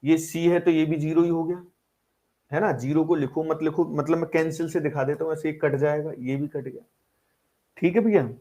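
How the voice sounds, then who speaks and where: An online maths teacher works through algebra problems step by step, asking rhetorical questions and coaxing students to reply, repeatedly calling them brother. His voice is a little high, steady and warm, at a normal speed.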